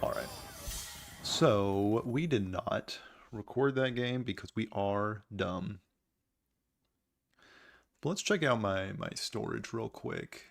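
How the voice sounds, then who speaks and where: A man giving casual gameplay commentary as host, with a dry, wry, understated way of talking. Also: fairly low pitch. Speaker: gaming video host.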